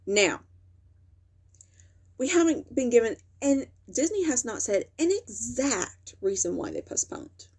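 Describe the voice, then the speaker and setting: A woman's voice: a little high, a little mellow. A young woman hosting a casual commentary video, rambling and correcting herself with lots of fillers as she talks. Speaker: video host. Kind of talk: casual talking-head commentary.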